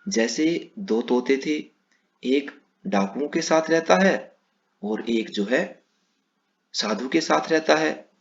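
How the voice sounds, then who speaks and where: A male teacher reading a story aloud to young children, explaining slowly and kindly. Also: a little high, animated, gravelly. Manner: warm, slow, explaining to children. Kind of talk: children's lesson read-aloud. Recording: dull lo-fi recording.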